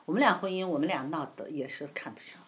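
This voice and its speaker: A woman giving an informal church talk on marriage, telling stories with lively emphasis and frequent laughter. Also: low voice, quick pace. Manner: animated storytelling, laughs often. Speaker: church speaker.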